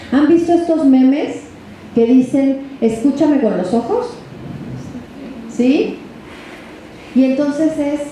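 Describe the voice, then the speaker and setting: At a workshop for parents, a middle-aged woman with a Mexican accent speaks in a chatty way, ending her phrases with tag questions aimed at listeners. She has a high-pitched, warm voice, recorded in an echoey room with faint background noise.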